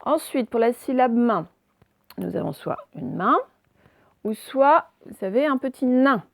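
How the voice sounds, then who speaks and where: Woman, schoolteacher, phonics lesson, careful articulation, gravelly voice, dry recording. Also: on the high side, lively intonation, dry recording. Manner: slow, carefully articulated words for dictation. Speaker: primary school teacher. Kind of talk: remote phonics lesson for young children.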